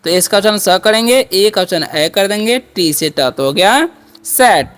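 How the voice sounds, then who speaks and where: A woman's voice: mid-range voice, animated, normal speed. A woman teaching beginner English phonics patiently, repeating each word and asking questions back.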